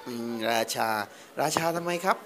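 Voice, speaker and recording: A man's voice: moderate pace, over music. A man teaching a child to read one-on-one, patiently spelling out syllables and praising often. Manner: patient, encouraging, frequent praise. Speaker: reading teacher. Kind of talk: one-on-one reading lesson with a child.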